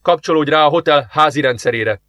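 A man's voice: on the high side, a bit bright, lightly acted. A man playing a male deputy commander who gives terse, commanding orders. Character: eager male deputy commander investigating a murder.

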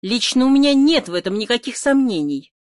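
A woman's voice: a little high, very animated, fairly quick, no echo, studio quality, pitched above the performer's own voice. A woman reading an audiobook voices a haughty, irritable woman who answers sharply and scornfully. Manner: sharp, scornful, snapping back. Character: haughty, irritable middle-aged woman, sister-in-law. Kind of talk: audiobook character voice.

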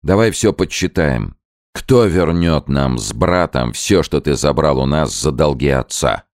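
A man's voice: extremely low pitch, lively intonation, measured pace, no room sound, clean studio sound, exaggerated voice. A man voicing a stern young hunter who talks bluntly and makes demands.

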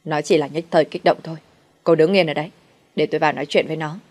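A woman's voice: low-pitched, steady tone, rapid-fire, darkish tone. Woman voicing a harsh bossy mother-in-law. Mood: scolding. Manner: scolding, commanding. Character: harsh scheming middle-aged mother-in-law.

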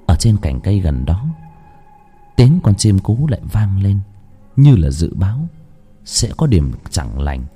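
A man narrating a horror story in a dramatic, slow and suspenseful way. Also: sits low, big pitch swings, dark tone, slightly rough, faint music behind.

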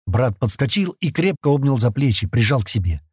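A male narrator reads a fantasy adventure with expressive, lively storytelling, his pitch moving widely. His voice is husky and slightly breathy at a middle pitch. The recording is dry and close. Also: fairly quick, dry recording. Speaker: audiobook narrator.

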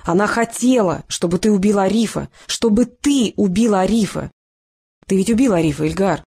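A reader voicing a cold, mocking male interrogator in an audiobook who needles and shouts down a suspect. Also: medium pitch, moderate pace, gravelly, breathy edge. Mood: shouting. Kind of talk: audiobook character reading.

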